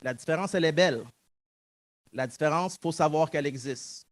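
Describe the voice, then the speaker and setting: This guest speaker talks at a moderate pace in a slightly high voice, recorded without echo. A Montrealer in his thirties with a Québécois French accent, he gives a public talk reflecting earnestly on his life story and performs the dialogue he recalls.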